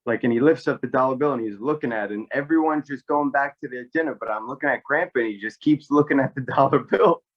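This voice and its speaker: A man from New York telling a family story casually, animated and full of fillers. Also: mid-range voice, fast, hardly any pauses, muffled recording. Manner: animated, rambling with many fillers. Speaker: podcast guest, actor.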